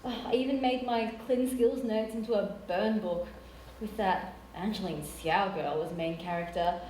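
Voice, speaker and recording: A woman's voice: mid-range voice, fairly even intonation, normal speed, a little mellow, close to an everyday voice. Woman as an awkward mean-girl student, echoey stage. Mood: awkward, confessional. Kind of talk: stage comedy acting. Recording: echoey stage, faint noise.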